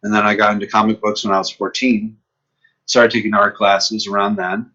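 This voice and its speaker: A comic book artist in his fifties from upstate New York tells stories as a guest on a podcast, chatting casually and acting out the voices in the exchanges he remembers. He's a lively storyteller with a fairly low voice, speaking a little fast. The recording is lo-fi.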